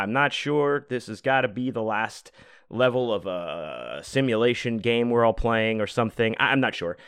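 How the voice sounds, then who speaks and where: A man's voice: mid-range voice, fairly bright tone, clear, resonant tone, no room sound, studio quality. Rambling man hosting a casual podcast. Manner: rambling, loose, with many fillers and profanity. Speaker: podcast host. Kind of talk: casual solo podcast monologue. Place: home room.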